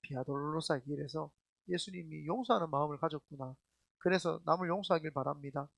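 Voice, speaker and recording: Male pastor, high voice, emphatic colloquial preacher who questions the congregation. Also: brisk, vocal fry, dry recording. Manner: addresses the congregation directly with questions. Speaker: senior pastor. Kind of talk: sermon.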